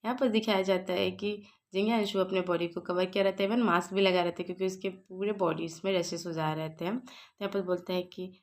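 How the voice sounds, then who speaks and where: A woman's voice: on the low side, steady tone, fairly quick. Woman telling a comic story in a chatty way, casual recap, throws in english words. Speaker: story explainer.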